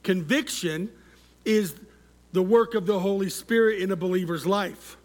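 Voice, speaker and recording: A middle-aged man preaching with a notably high voice. He speaks slowly and deliberately, stacking parallel phrases for emphasis. He keeps checking in with the congregation and prompting them to answer. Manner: interactive preaching, asks the congregation for responses; measured, repeats key words for emphasis. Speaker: pastor. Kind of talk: sermon.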